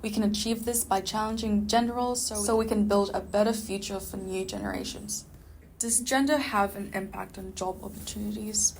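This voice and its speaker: A woman reads a prepared script for a student podcast in a measured way. Her pitch stays flat at a middle level. A faint hiss sits under the recording.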